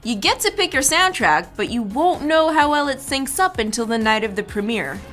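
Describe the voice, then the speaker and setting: A woman with a high, expressive voice hosts an online video show, delivering scripted, jokey commentary on animation videos with wry, playful asides. She speaks at a moderate pace, her tone a bit bright, over soft background music.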